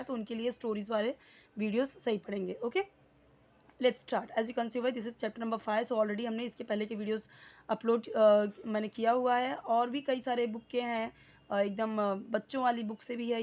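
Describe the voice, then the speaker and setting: A woman's voice: on the high side, highs cut off. A woman teaching English in Hindi, repeating words and explaining them patiently with many fillers.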